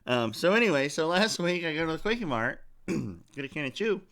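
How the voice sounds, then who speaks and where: A man's voice: on the high side, sing-song, a little fast, a bit bright. A man hosting a comedy podcast, telling a rambling, profane story in a loose, casual way. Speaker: podcast host.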